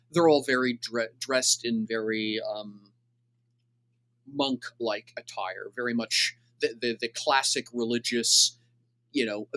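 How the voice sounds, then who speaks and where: A man's voice: medium pitch, sharp tone, no room sound. A man as game master, describing a scene unhurriedly with many fillers and restarts. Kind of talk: narrating a tabletop game.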